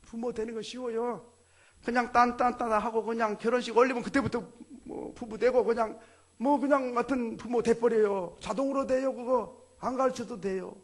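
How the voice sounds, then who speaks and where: Male pastor, animated sermon delivery, husky tone. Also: very high voice, moderate pace. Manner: animated preaching with acted dialogue.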